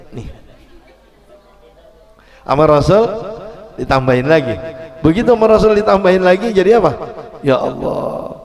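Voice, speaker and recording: A man preaching a sermon, telling a story with lively rhetorical questions and drifting into a fast, low murmured prayer. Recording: long reverb of a hall.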